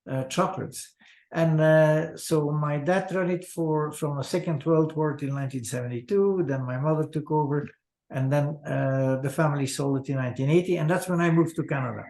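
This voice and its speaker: An older man from Belgium, a chocolatier, talking in a halting, casual way with many fillers over a video call from an office. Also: fairly high pitch, darkish tone, echoey room. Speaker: chocolatier guest. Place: office with large window. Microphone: video call webcam.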